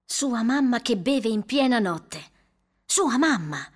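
A woman's voice: fairly high pitch, lively intonation. Woman narrating a suspenseful audiobook. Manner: suspenseful, measured storytelling.

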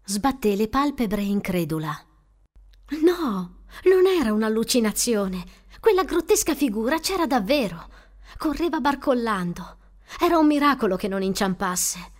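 Woman, audiobook narrator, expressive, suspenseful storytelling, higher voice. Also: a little slow. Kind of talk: scripted narration.

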